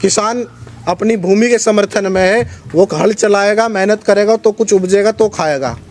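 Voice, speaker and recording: Man, high-pitched, forceful preaching, press conference spokesman. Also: moderate pace. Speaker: Arya Samaj spokesman.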